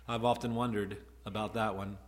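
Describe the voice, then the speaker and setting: A man preaching a conversational sermon, retelling a Bible story with soft asides and loud, emphatic peaks. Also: on the low side, level tone, moderate pace. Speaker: pastor.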